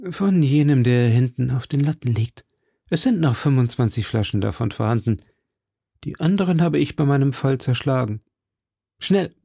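A man voicing an impetuous young swordsman in an audiobook, speaking urgently and a little higher than his narration. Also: lively intonation, normal speed, gravelly, dark tone, slightly rough, dry recording, clean studio sound. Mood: brisk. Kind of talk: audiobook character voice.

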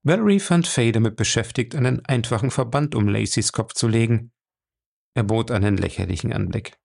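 A man narrating an audiobook in a steady, even reading voice. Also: medium pitch, a little fast, creaky.

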